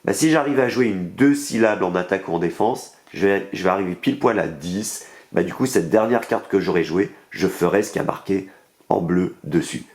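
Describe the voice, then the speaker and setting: Low-voiced French man explaining game cards. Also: moderate pace, a little mellow. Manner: enthusiastic, explains rules step by step with many fillers. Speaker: board game reviewer. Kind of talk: casual unboxing and card review.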